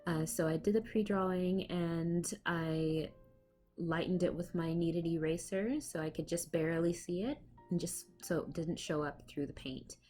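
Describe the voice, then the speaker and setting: Soft music plays under a casual speed-paint voiceover from an art vlogger with a cold, recorded on her laptop microphone at home. She chats unhurriedly with fillers and small laughs, her voice on the low side, a little mellow and fairly even in intonation.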